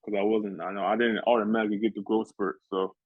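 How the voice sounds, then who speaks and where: A young college basketball player from New Jersey talks through his answers in a low, flat voice. He is relaxed and courteous, and he often says "yes, sir." The sound is dry and thin, close to a phone line. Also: quick pace, dry recording. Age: young adult. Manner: laid-back, polite, keeps saying "yes, sir". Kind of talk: casual interview answers.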